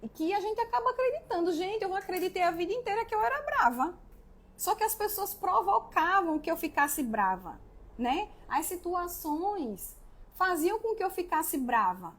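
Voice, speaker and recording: A young woman with a high voice hosts a live stream of parenting advice. She talks in an earnest, lively way, and she often checks in with her listeners by asking "né?". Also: normal speed. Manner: earnest, animated, often asks "né?". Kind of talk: casual live-stream talk.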